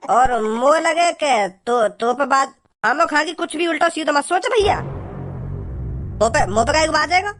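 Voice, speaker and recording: A performer doing Bhajji, a squeaky cartoon bumpkin. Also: expressive, measured pace, a bit bright, faint music behind. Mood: rambling. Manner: rambling, naive, stammering. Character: silly simple-minded village young man. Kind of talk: cartoon comedy voice acting.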